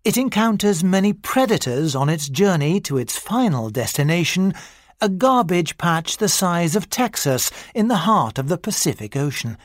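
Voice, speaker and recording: Reading a scripted, mock-serious nature documentary for a listening exercise, a narrator keeps a measured delivery at medium pitch, with big pitch swings. It's studio quality, with no room sound.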